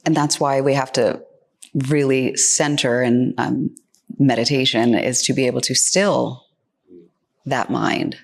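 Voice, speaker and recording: A woman with an unusually deep, low voice speaks as an interviewer. Her tone is earnest and personal, and she keeps a conversational manner. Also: fairly even intonation, measured pace, creaky.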